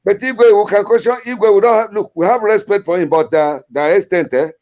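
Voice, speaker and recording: A man's voice: sits high, brisk, darkish tone, lo-fi sound. A Nigerian man calling in to a political talk show, arguing emphatically and repeating himself over interruptions. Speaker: caller. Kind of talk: heated political debate.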